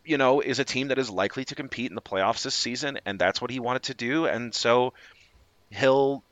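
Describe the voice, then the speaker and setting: A man's voice: medium pitch, normal speed, a bit bright, no room sound. A man chatting wryly on a sports podcast, laid-back with small laughs between thoughts. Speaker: podcast co-host. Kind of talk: casual sports podcast chat.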